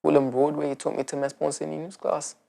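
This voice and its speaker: A young man from Turkey, telling his life story in a documentary interview, reflective and halting with many restarts. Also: fairly high pitch, little pitch movement, gravelly, warm tone, a little hiss or hum.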